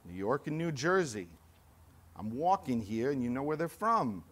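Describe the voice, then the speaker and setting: A man's voice: sing-song, moderate pace. Preaching man with dramatic volume swings. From California. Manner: preaching with big swings between loud emphatic lines and quiet, low asides; acts out accusers' lines with raised voice. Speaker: pastor. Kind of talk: sermon.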